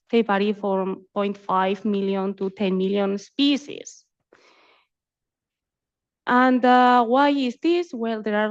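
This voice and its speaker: Speaking at a symposium, a woman community ecologist invited to present her research talks in an academic manner and frequently repeats words. Her pitch is fairly high, and the audio comes through muffled.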